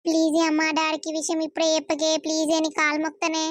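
A woman's voice: sits high, completely flat delivery, fast, slight background noise, lightly acted. A woman voicing a pleading teenage village girl in love. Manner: pleading, apologetic. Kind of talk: cartoon voice acting.

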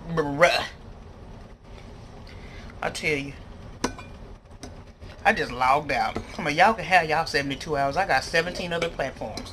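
A woman's voice: on the low side, sharp tone. An American woman chatting casually and emphatically to viewers in slangy phrasing, talking between mouthfuls as she eats. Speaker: mukbang vlogger. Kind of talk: casual chat to viewers while eating. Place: indoor room at a table. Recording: clear background noise, clattering cutlery and dishes.

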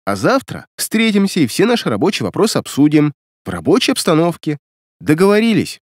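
Male reader doing a skeptical grounded woman, raised pitch, firm, audiobook. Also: brisk, no echo, clean studio sound. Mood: calm. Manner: firm, dismissive, calm. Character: sensible wary woman, dismissive. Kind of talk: audiobook character reading.

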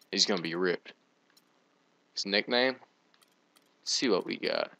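A man's voice: low-pitched, vocal fry, bright, forceful tone. A young man giving casual let's play commentary on a video game. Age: young adult. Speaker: gaming video host.

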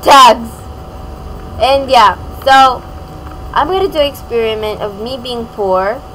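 A woman's voice: fairly high pitch, slow pace, a bit bright, a little hiss or hum, low-quality recording. A young woman hosting a gaming channel, giving casual, playful gameplay commentary and laughing often.

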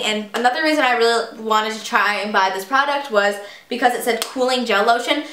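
A woman's voice: a little high, bright, forceful tone, reverberant, a little hiss or hum. A young woman in her teens chatting casually in a haul video, bubbly and self-teasing. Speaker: vlogger.

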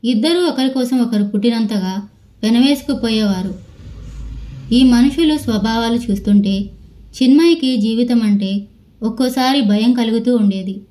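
A woman narrator reading a novel aloud in a steady storytelling manner. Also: fairly high pitch, moderate pace, low-quality recording. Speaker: audiobook narrator.

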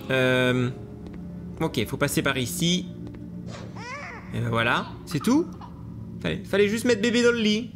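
A man commentating a video game to his viewers, excitable and laughing often, with hiccups. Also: fairly high pitch. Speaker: gaming YouTuber. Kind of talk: let's play commentary.

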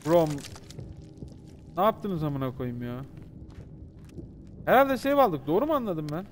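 A man with a high voice that swings widely up and down as he streams a horror game. He riffs, curses freely and talks straight to his chat. A faint hiss sits under the voice. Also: a little slow. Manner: excitable, joking, swears freely, talks to chat. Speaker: gaming streamer. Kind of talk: live gameplay commentary.

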